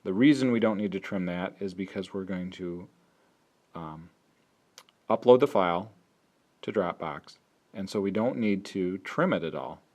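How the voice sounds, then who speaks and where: Deep-voiced man, teacher walking through an app tutorial plainly. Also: lively intonation, a little slow, long pauses, a little mellow. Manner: plain step-by-step explaining, thinks aloud. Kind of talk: screen-recorded app tutorial.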